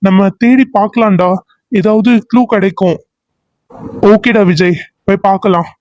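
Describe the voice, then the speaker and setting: A man's voice: high voice, moderate pace, a little mellow, dry recording, lightly acted. A man voicing a doubtful young friend in a cartoon serial who questions the plan. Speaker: cartoon character.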